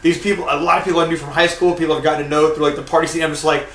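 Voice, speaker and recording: A young man co-hosting a podcast, telling a rambling story with lots of swearing and loud acted-out quotes. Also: fairly high pitch, little pitch movement, very fast, echoey room, recorded from a distance, poor audio. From North Carolina. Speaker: podcast co-host. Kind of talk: casual storytelling.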